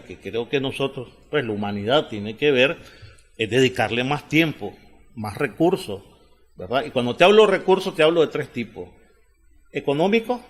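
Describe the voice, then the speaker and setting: A man hosts a discussion in a plain mid-range voice. He drives his points home and checks in with tag questions. He stumbles over doubled filler sounds between phrases. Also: medium pitch. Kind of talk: analytical talk-show conversation.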